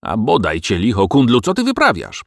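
A man voicing a grumpy middle-aged male farmer who speaks in gruff threats. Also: fairly low pitch, huge pitch swings, moderate pace, no echo, studio quality, exaggerated voice. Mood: angry.

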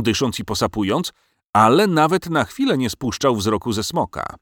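A man narrating a storybook in an expressive, measured way. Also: fairly low pitch, no room sound, clean studio sound.

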